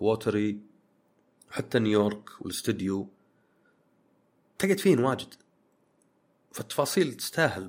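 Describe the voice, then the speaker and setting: A man hosting a podcast, chatting casually and reading listener questions, rambling with many fillers. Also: medium pitch. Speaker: podcast host.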